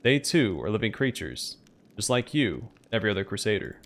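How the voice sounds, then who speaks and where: Man voicing a solemn, low-voiced talking tree. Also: very animated, brisk. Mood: offended. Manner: grand, formal oratory of a talking tree. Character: solemn, earnest talking tree, a male treant pleader. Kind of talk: game dialogue read aloud.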